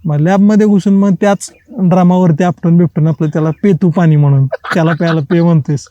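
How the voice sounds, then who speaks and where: A man, a writer and podcast guest, telling lively college anecdotes in a casual interview, acting out the dialogue in colloquial speech and laughing often. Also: fairly high pitch, fast, dry recording, muffled recording.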